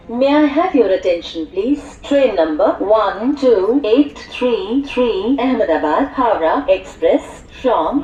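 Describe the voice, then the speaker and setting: A woman's voice: a little high, warm tone. A woman with an Indian English accent making a formal, scripted train announcement over a muffled station public-address system. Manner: formal, repeated set phrases. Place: railway station, heard over loudspeakers. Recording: muffled echoey station PA, distant, dull.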